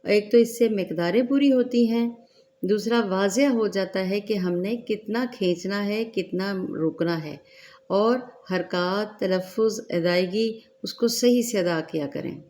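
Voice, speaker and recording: A woman teaching Quran recitation in a tajweed lesson, explaining each rule slowly and deliberately between drawn-out recited words. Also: medium pitch, warm tone, a little hiss or hum.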